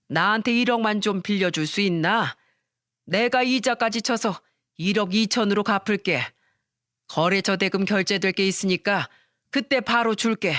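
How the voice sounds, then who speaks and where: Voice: medium pitch, a bit bright, dry recording, studio quality, natural voice. A narrator doing a wheedling, brazen father-in-law. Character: smooth-talking middle-aged father-in-law asking for money.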